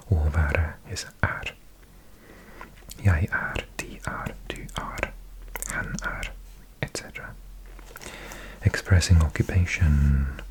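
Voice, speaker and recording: A man whispers an unhurried ASMR study session, his breathy voice sitting low. He murmurs close to the microphone and thinks aloud as he sounds out words. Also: darkish tone. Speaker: ASMR creator.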